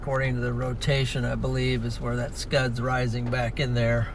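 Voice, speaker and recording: A man's voice: mid-range voice, monotone, normal speed. A man giving live storm-chasing commentary from a moving vehicle, thinking aloud in short, muttered fragments. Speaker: storm chaser livestreaming. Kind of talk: live commentary while driving. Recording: loud vehicle and outdoor noise. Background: loud vehicle noise.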